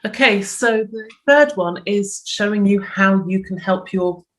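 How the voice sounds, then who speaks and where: A woman's voice: mid-range voice, unhurried, a bit bright. A middle-aged woman from the UK, a physiotherapist, giving health tips in a chatty interview and voicing little inner thoughts as she explains. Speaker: physiotherapist guest.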